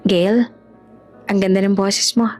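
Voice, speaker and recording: A woman's voice: medium pitch, fairly even intonation, slow, a little mellow, faint music behind, close to an everyday voice. Woman doing an earnest young boss. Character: young man, reformed charming boss.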